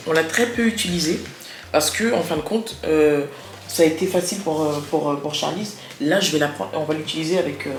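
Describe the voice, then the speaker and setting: A mother chatting to camera with parenting tips, correcting herself as she goes and articulating with emphasis. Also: low voice. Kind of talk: casual chat to camera. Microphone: wireless earbud. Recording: echoey room, faint background noise.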